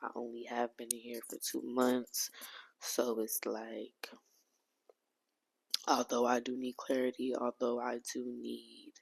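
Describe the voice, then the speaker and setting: A woman's voice: extremely low pitch, completely flat delivery, slow, gravelly, rough recording. A woman hosting her own podcast, talking candidly in a heartfelt, rambling way with casual slang and frequent restarts. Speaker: podcast host.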